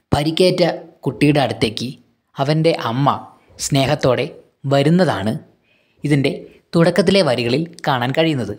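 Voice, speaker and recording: A man's voice: on the high side, a little mellow. A man teaching a school poem in a casual lesson. He talks patiently, going back over points and asking questions to answer himself.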